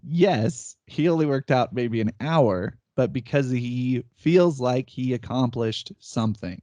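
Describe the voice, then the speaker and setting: Male podcast co-host, thirties, warm low-key tone, dry sound, animated storyteller. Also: unhurried, no echo. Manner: animated storytelling, laughs often, acts out quotes. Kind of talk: casual chat. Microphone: remote call setup.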